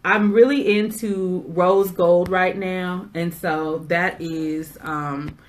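Woman, middle-aged, casual chat host, chatty, sassy, lowish voice. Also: fairly even intonation, takes it slowly. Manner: chatty storyteller, sassy asides. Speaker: podcast host.

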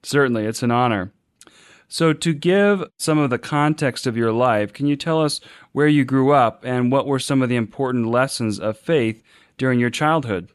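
A man's voice: medium pitch, moderate pace, smooth, no room sound, clean studio sound. A man hosting an interview podcast, introducing his guest politely and asking questions. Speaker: podcast host.

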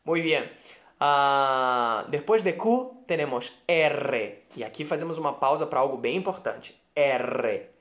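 Slow, patient Brazilian male teacher. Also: medium pitch, lively intonation, fairly bright tone. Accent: Brazilian Portuguese. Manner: patient, repeats sounds slowly for the viewer; often checks understanding with "ok?". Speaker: Spanish teacher. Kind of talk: video lesson.

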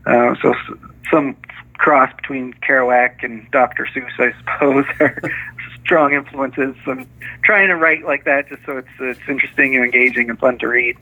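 A man's voice: mid-range voice, steady tone, normal speed, sharp tone. A man, an author being interviewed, talks in a hesitant way with many restarts and small laughs. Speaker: author and guest. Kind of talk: casual interview chat. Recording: tinny phone line.

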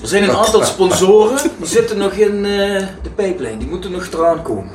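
Male co-host, playful teasing, somewhat high, heard off-mic in a roomy space. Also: animated, a little fast, distant mic, crowd noise. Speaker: podcast co-host. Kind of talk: casual podcast chat and sponsor reads.

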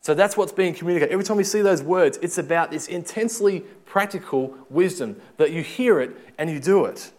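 A man's voice: high voice, fairly quick, hardly any pauses, darkish tone. A man with a lisp giving a sermon, teaching from scripture in a conversational, informal way. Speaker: preacher giving a Bible talk.

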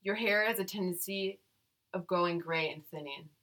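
A woman with a fairly low voice co-hosts a podcast in casual chat. She reads text aloud and breaks off into playful, cursing jokes. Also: moderate pace, a bit bright. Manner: playful, profane, jokey asides. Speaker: podcast co-host.

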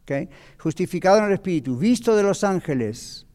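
Male pastor, higher voice, patient Bible teacher quizzing his class, reverberant church hall. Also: animated, normal speed, darkish tone. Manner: asks the audience questions, explains patiently.

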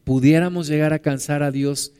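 A man preaching a sermon as a pastor, dropping to a hush and then rising loud. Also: on the high side, fairly even intonation, normal speed, clear, resonant tone. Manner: dramatic, swings between hushed and loud.

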